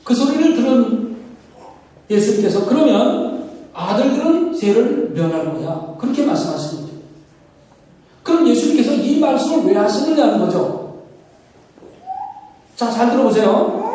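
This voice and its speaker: A man with a very high, mellow voice delivers a sermon, teaching step by step and tossing questions to his listeners before answering them. The sound carries a long echo, and he is heard from a distant mic in a church sanctuary. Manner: explains patiently, asks the congregation questions and answers them himself. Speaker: pastor. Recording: echoey hall from a distant mic.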